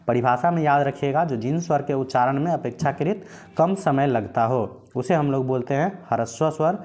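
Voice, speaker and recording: A man with a slightly high voice teaches a grammar lesson. He talks patiently, repeats his points and asks questions that he answers himself. He draws out single sounds slowly as he names them. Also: a little mellow.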